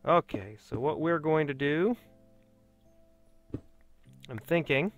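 A man's voice: a little high, animated, slow, soft background music. A man hosting a Let's Play, chatting casually and mocking himself as he plays. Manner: chatty, self-mocking, talks to himself while playing. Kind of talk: casual gameplay commentary.

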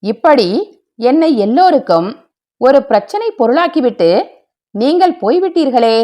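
A woman voicing a grieving widowed mother who speaks softly and sorrowfully. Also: sits high, very animated, moderate pace. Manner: soft and sorrowful.

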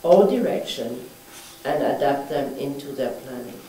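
A woman mayor chairing a town council meeting, moving briskly through agenda items in a council chamber. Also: a bass voice, expressive, warm tone. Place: council chamber, indoors, mid-sized room. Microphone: far room mic. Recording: echoey room, distant mic, faint hiss.

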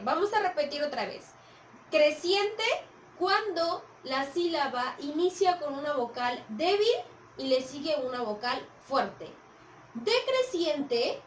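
A woman gives a recorded lesson for young pupils in a high voice, often checking in with them as she goes. She sounds set back from the mic in an echoey room, with a faint hiss underneath. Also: recorded from a distance. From Mexico. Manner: patient, checks in with "¿ok?" and "¿sale?". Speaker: primary school teacher. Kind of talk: recorded video lesson for children.

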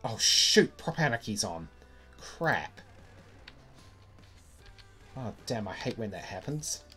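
A man's voice: on the low side, sing-song, slow pace, sharp tone, slightly rough, soft background music. A middle-aged man with a broad New Zealand accent, rambling and thinking aloud as he gives casual gameplay commentary on a stream. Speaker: game streamer. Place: indoor room at a desk.

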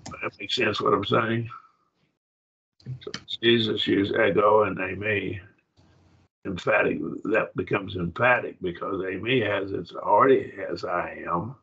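Gravelly, husky older-sounding man teaching. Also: lowish voice, fairly even intonation, fairly bright tone, muffled recording. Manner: halting, repeats words, asks the class if it makes sense. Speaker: Bible class teacher. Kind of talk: classroom Greek lesson.

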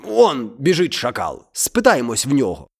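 A man voicing an ungrateful, hungry male tiger in a storybook reading, growly and drawn-out, with soft music behind. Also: medium pitch, wildly swooping pitch, gravelly, exaggerated voice. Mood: gloating.

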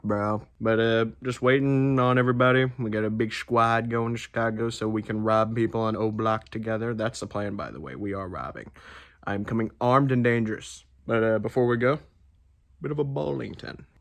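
A young man vlogging a road trip from inside a car, joking and crude in a deadpan way. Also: mid-range voice, fairly quick, dry recording. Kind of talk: casual vlog narration and banter. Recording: noisy in-car camera audio. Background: car road noise.

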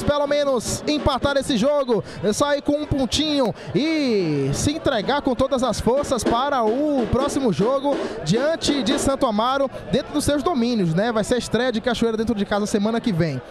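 A man's voice: very high voice, normal speed, few pauses, crowd noise. A man with a Bahian accent calling a football match live from an outdoor ground. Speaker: football play-by-play announcer. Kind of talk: live sports commentary.

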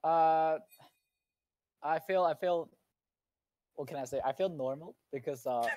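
A man interviewed after winning a match, answering in short, halting sentences. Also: a little high, background noise. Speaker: player being interviewed.

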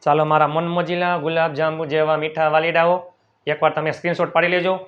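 A man teaching spoken English who drills each word slowly and checks in with viewers, then rushes through his asides. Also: a little high, little pitch movement, muffled recording.

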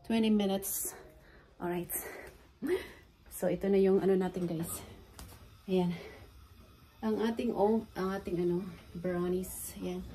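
A middle-aged Filipino-accented woman chats casually with her viewers while baking in a small home kitchen, switching between Tagalog and English as a home baking vlogger. Her warm voice sits on the low side, with fairly even intonation, a slow pace and frequent pauses. A phone held at arm's length or propped nearby captures it, and the recording is clearly noisy.

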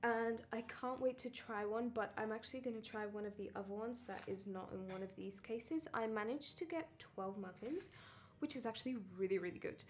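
A woman's voice: on the high side, brisk. A woman hosting a casual baking vlog from her kitchen, chatty and enthusiastic as she talks viewers through a recipe. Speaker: baking channel host.

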